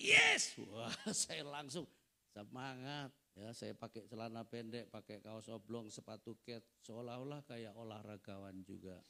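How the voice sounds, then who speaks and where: A man's voice: on the low side, steady tone, unhurried, vocal fry, fairly bright tone. A middle-aged male pastor giving a family seminar sermon, preaching conversationally with frequent asides to the audience.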